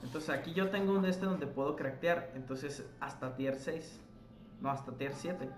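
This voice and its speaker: A man's voice: on the high side, measured pace. A man hosting a casual gameplay tutorial, chatting to his viewers and correcting himself as he explains. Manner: chatty, addresses viewers as "chicos", self-corrects while explaining. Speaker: gaming tutorial host. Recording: echoey room with faint noise.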